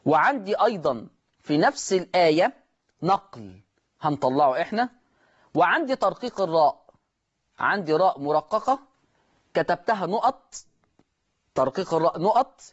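A man's voice: high voice, sing-song, normal speed, pauses often, muffled recording. A man with an Egyptian Arabic accent teaching Quran recitation rules in a broadcast lesson, repeating key words and quizzing his students. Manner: repetitive, quizzing students with questions. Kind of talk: televised tajweed lesson.

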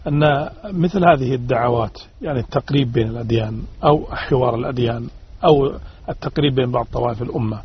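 A man's voice: medium pitch, quick pace, breathy edge. A man on a religious discussion panel, arguing emphatically, repeating his points and posing rhetorical questions. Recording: dull radio-like sound.

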